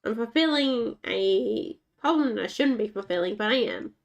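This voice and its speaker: A game streamer with a naturally scratchy, gravelly voice rambles casually as she plays, chatting to herself and to the game's dogs. Her voice is a little high and expressive, at normal speed, in relaxed gameplay commentary.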